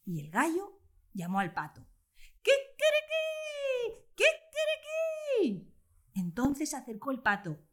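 A woman telling a children's story aloud in an expressive, animated way. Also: medium pitch, normal speed, echoey room.

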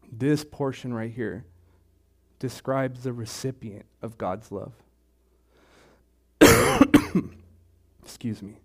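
Male pastor, slow measured sermon delivery, repeats phrases, mid pitch. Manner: slow, deliberate preaching with repetitions. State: throat clearing, choked up.

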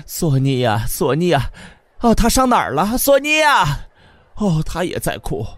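A man voicing a grieving, hysterical mother who wails and pleads in a shrill voice. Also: huge pitch swings, unhurried, dry recording. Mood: frantic wailing.

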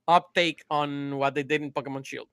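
Male host, casual panel chat, bright, blunt, cursing, dry close sound. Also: on the high side, fairly even intonation, moderate pace, clean tone, no room sound. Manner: blunt, swears freely. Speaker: podcast host.

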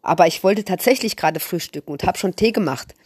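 A woman's voice: lowish voice, expressive, quick pace, darkish tone, slightly rough, no room sound, studio quality. A woman voicing a quirky, precocious young girl in a read-aloud storybook, matter-of-fact and bubbly. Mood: chatty.

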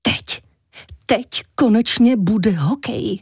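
A woman reading a children's story, voicing a giant dreamy male walrus in a lower, slower voice. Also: a little mellow, husky, dry recording, studio quality. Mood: eager.

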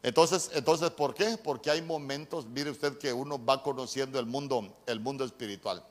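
Speaking at normal speed with a medium-pitched voice, a middle-aged Honduran pastor delivers a sermon in his Honduran Spanish accent. He shares a personal story with earnest feeling, often tripping over and repeating his words.

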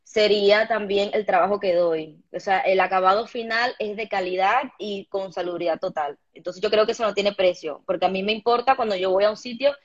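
A Venezuelan woman, a home manicurist, chatting as a guest in an interview in a lively, practical and self-assured way. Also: medium pitch, a little fast, few pauses. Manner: lively, practical, sure of herself. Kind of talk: casual interview chat. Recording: dull lo-fi sound.

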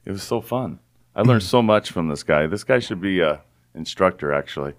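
This podcast host talks fairly quickly in a low-pitched voice, keeping the chat casual. It's early morning and he's still a little groggy, but relaxed and chatty.

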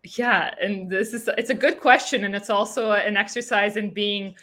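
A woman's voice: mid-range voice, fairly even intonation, normal speed, pushed and bright. A woman in her thirties from Serbia, telling her story as a podcast guest in a chatty way, with many fillers and restarts. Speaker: podcast guest, car saleswoman. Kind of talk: casual interview chat.

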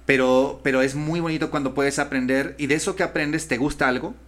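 A man's voice: fairly high pitch, steady tone, brisk, a bit bright. A man, a voice-over artist and voice coach, chatting thoughtfully and restarting often as he searches for words. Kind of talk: casual conversation.

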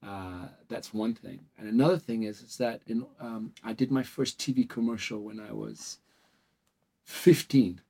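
Interviewed in his dental clinic office, a man in his forties from South Africa and Portugal speaks casually as the founder. His mid-range voice is dark and husky, and he keeps a measured pace while meandering through stories thick with fillers.

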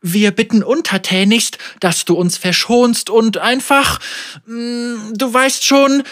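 A woman doing a fumbling, flattering village chief. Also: a little high, slow, voice pushed up. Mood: placating. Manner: hesitant, filler-laden, ingratiating. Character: awkward hesitant female village leader, placating.

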